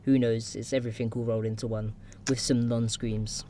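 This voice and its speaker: A man's voice: mid-range voice, level tone, a little fast, warm tone, slight background noise. A man co-hosting a music podcast, chatting casually with lots of fillers and restarts. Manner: rambling, filler-heavy, enthusiastic. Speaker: podcast co-host. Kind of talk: casual chat about music videos.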